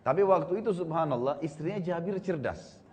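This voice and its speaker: A man teaching a congregation as a religious teacher, telling a story in a conversational, animated way with many tag fillers. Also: a little high, a little fast. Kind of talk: storytelling sermon.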